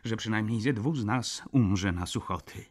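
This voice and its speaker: A man's voice: lowish voice, normal speed, breathy edge, voice pushed up. A man reading an audiobook, voicing a smug young male student who speaks with sweet, mocking politeness. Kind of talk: audiobook character voice.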